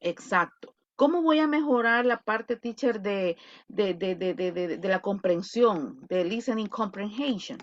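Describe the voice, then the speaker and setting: A woman teaching an online English class, mixing Spanish and English and drawing out example words. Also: mid-range voice. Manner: lively, switching between Spanish and English, drawn-out model words. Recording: lo-fi video call audio.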